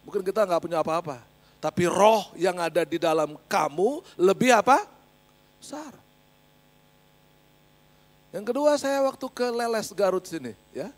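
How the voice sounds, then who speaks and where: A man's voice: high voice, unhurried, pauses often. A male pastor giving an emphatic sermon with a personal testimony, often turning to address the congregation directly.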